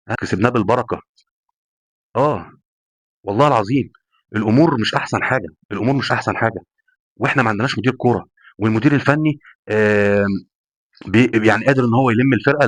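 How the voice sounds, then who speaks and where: A man with an Egyptian accent, talking at a breakneck pace in a heated football rant. He hammers points home by repeating himself and swearing oaths. The sound is close and dry, with no room echo. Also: medium pitch. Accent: Egyptian Arabic. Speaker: football fan commentator. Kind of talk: passionate post-match rant.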